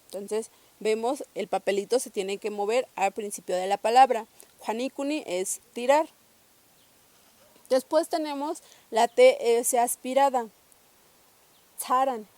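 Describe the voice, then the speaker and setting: A woman's voice: on the high side, unhurried, long pauses, a little mellow, no echo. A young woman from Mexico, patiently teaching a pronunciation lesson and repeating each sound several times. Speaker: language teacher.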